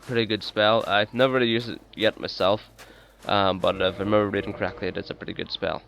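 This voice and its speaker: A man giving casual gameplay commentary as a let's play host, relaxed and chatty, with many ums and uhs. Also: fairly low pitch, quick pace, vocal fry. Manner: hesitant, full of ums and uhs.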